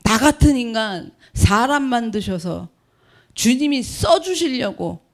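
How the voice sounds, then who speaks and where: A woman's voice: fairly high pitch, animated, slow. A woman pastor giving an emphatic sermon, asking the congregation questions and acting out complaining believers.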